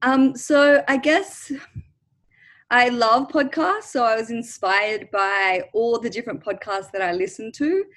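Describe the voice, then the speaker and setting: A woman's voice: on the high side, measured pace, fairly bright tone, poor audio. A woman from Australia, talking eagerly as a podcast guest over a video call. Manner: bubbly and enthusiastic. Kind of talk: casual interview.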